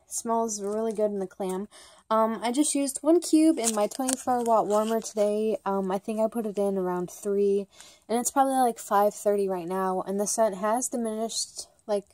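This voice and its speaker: A woman's voice: medium pitch, mellow. Bubbly rambling woman vlogger. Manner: rambling and bubbly, many "like" and "um" fillers; talks fast at times, by her own account. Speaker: vlogger reviewing wax melts. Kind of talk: casual chatty product review.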